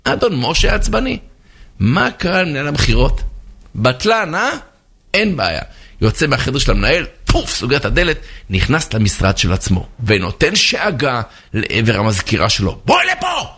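A man, a rabbi, telling a parable in a sermon, animated, with sound effects and acted voices. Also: medium pitch, slightly rough. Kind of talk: storytelling sermon.

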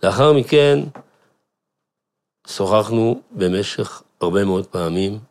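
A rabbi telling a family story to listeners, with an animated manner and questions put to the audience. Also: male voice, fairly low pitch. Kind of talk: storytelling talk.

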